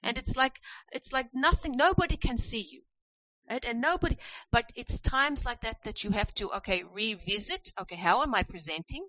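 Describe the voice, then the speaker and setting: A woman's voice: a little high, expressive, moderate pace, pushed and bright, no echo. Woman, group facilitator, encouraging, speaks as "we", muffled lo-fi sound, dry. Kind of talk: group discussion.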